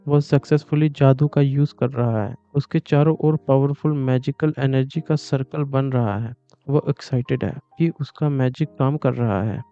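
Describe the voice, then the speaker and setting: A man narrating a comic story recap in a smooth, resonant voice that stays flat and level throughout. The recording is slightly dull and lo-fi, with music playing softly behind him. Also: mid-range voice.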